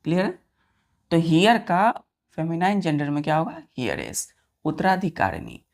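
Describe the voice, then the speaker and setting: A woman's voice: low-pitched, big pitch swings, moderate pace, a little mellow. A woman teaching grammar to students, spelling words out letter by letter, repeating each answer and checking that they follow. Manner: keeps checking if students understood.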